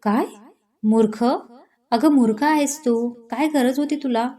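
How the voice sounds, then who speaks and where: A woman's voice: fairly high pitch, unhurried, dark tone. A woman voicing a teasing, outspoken young woman who is a loyal friend, in a storybook reading. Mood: worried. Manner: playful then indignant.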